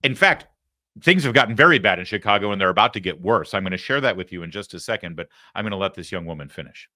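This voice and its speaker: An American man hosting political commentary, speaking emphatically, pausing for weight and posing rhetorical questions. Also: deep voice, lively intonation, pushed and bright.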